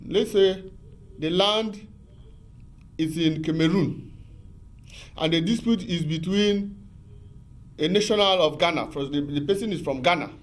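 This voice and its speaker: A man explaining arbitration law as a guest on a TV talk show, patient and repetitive, with many fillers and restarts. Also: on the high side. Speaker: legal expert guest.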